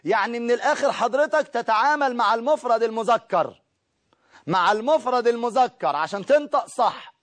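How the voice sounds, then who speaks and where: Egyptian guy teaching grammar, high voice, talks fast, keeps checking students follow. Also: lively intonation, fairly bright tone. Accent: Egyptian Arabic. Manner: explains step by step, checks in with students. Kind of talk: recorded grammar lesson.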